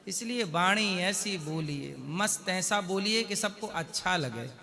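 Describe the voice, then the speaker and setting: A man speaking as a spiritual guru on stage, counseling a couple with questions and slowly recited couplets. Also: high-pitched, animated, creaky, sharp tone. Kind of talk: devotional advice to a couple. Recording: long hall reverb.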